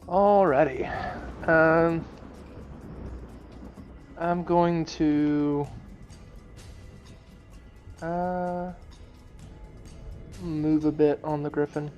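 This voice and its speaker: A man's voice: on the high side, fairly even intonation, extremely slow, pauses often, darkish tone, muffled recording, soft background music. A man chatting casually as a player in a tabletop fantasy game.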